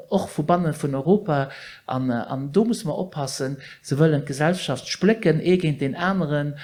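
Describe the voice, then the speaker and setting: A man speaking on a political panel in a somewhat high voice. He sounds urgent and worried, often repeating words and starting his sentences over. His delivery stays intense. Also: a little mellow. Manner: urgent, repeats himself and restarts phrases. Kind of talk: panel debate.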